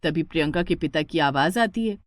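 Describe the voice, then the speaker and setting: A woman narrating a scripted storybook cartoon in an expressive storytelling manner. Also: sits low, brisk, dry recording, clean studio sound.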